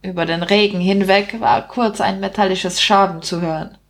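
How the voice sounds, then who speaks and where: A woman reading a novel aloud in a steady, measured storytelling voice. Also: mid-range voice. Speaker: audiobook reader.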